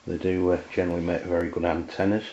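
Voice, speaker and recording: This amateur radio reviewer from England has a deep, dark voice held at a level tone. He demonstrates a product off the cuff, halting and plain-spoken, captured on a dull, lo-fi camera microphone.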